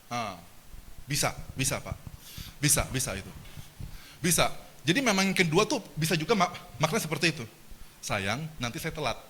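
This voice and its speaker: Animated man lecturing a seminar. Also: fairly high pitch, fairly quick, pauses often, slight background noise. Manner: animated, engages the audience with questions and jokes. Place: lecture hall.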